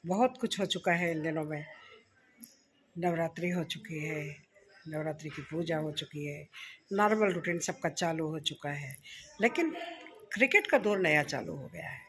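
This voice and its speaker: A woman's voice: lively intonation, normal speed, breathy edge, poor audio. A woman chatting in a casual home vlog, telling a homely story about a child's injury in plain, conversational talk. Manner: chatty, homely storytelling, gets loud and high when fussing over the injured child. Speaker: vlogger.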